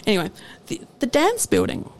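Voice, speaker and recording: A woman's voice: on the high side, fairly quick. A young woman, co-hosting a podcast and telling workplace stories with frequent laughter. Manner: laughs often, animated storytelling. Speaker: podcast co-host. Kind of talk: casual storytelling chat.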